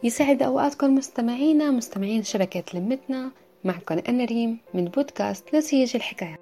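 A woman's voice: on the high side, expressive, quick pace, mellow. A woman with a Syrian accent telling a folktale as a podcast storyteller, in a traditional once-upon-a-time manner. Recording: music behind the voice. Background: music.

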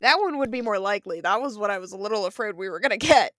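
A woman's voice: medium pitch, animated, fast, a bit bright, no room sound. A woman co-hosting a podcast, chatting in an easygoing way with plenty of fillers. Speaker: podcast co-host. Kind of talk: casual chat.

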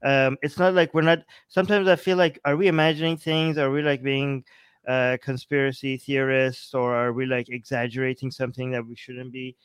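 A man's voice: mid-range voice, little pitch movement, moderate pace, clean tone, no echo. A man co-hosting a casual live discussion, often interjecting and restarting his phrases as he goes. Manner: interjecting, stop-start with repeated phrases. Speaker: podcast co-host.

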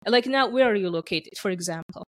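A woman's voice: mid-range voice, expressive, a little fast, no echo. A woman from Sudan chatting casually as the host of a podcast. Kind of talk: casual chat.

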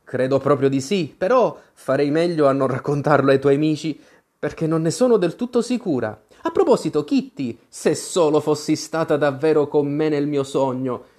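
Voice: medium pitch, warm tone. A storyteller voicing an eager, imaginative little girl in an audiobook, talking fondly and with a lilting lift.

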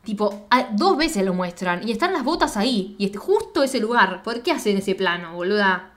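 A young woman with an Argentine accent, co-hosting a casual chat and acting out characters' lines in a slangy, animated way. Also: mid-range voice, normal speed. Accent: Argentine Spanish. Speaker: podcast co-host. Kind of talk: casual chat recapping a TV series.

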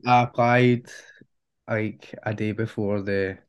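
A man's voice: on the low side, fairly even intonation, slow pace, clear, resonant tone, muffled recording. A man with a broad Scottish accent, talking informally and slangily as a music artist being interviewed. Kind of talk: casual interview chat.

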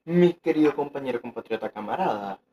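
A man's voice: mid-range voice, expressive, a little fast, warm tone. A young man, co-hosting a casual podcast chat, joking and rambling with lots of fillers. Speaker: podcast co-host. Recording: dull lo-fi sound.

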